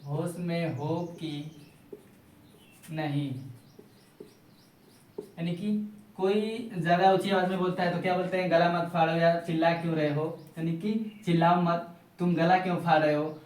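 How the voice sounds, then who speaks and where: A man teaching spoken English in Hindi, drawing out English words slowly and repeating phrases. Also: sits high, level tone, darkish tone, recorded from a distance. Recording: roomy echo, voice off-mic.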